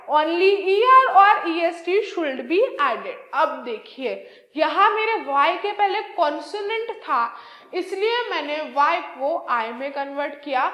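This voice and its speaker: A very high-pitched young Indian woman teaching grammar at an unhurried pace. She stretches out each example word and mixes Hindi with English. Her voice rings in an echoey room. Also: pushed and bright. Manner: slow, drawn-out spelling and repetition of example words. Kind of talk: online exam-prep lesson.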